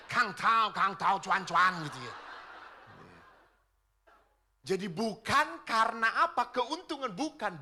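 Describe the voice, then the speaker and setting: A lively, bright-voiced priest from Indonesia preaches, his pitch swinging widely as he tells stories. He acts out dialogue and moves from hushed, near-whispered lines to loud, emphatic ones. The voice sits a little high for a man. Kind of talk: sermon with storytelling.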